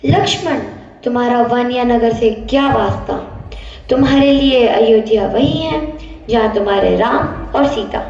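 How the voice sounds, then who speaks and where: A woman voicing a wise royal mother, proud and dignified, who speaks in a slow, tender, instructive way. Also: fairly high pitch, darkish tone, far from the mic, muffled recording, a little hiss or hum. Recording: echoey room.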